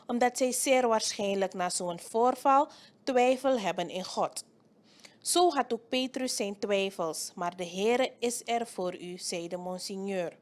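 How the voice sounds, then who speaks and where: A woman reporter giving a measured news voice-over, reading out names slowly. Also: medium pitch.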